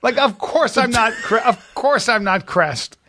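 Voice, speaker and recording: A man's voice: very high voice, expressive, a little slow, pushed and bright, a little hiss or hum. A man co-hosting a podcast, telling self-mocking anecdotes in casual chat and laughing often as he goes. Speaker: podcast co-host.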